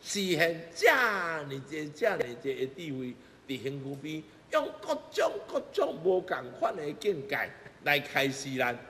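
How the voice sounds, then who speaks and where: A man's voice: a little high, a bit bright, slight background noise. A middle-aged man with a Taiwanese accent gives a Buddhist sermon, emphatic, with rhetorical questions and repeated phrases. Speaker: Buddhist master giving teachings. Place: temple hall before a seated congregation. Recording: echoey hall, music bed underneath.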